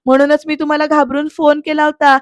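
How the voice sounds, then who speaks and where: A woman voices a flustered young man who keeps begging and apologising, anxious and pleading. The voice sits high and stays fairly level in pitch. The sound is dry and close, with no room around it. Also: little pitch movement, fast talker, dry recording, close to an everyday voice. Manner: pleading, anxious, repeats "madam".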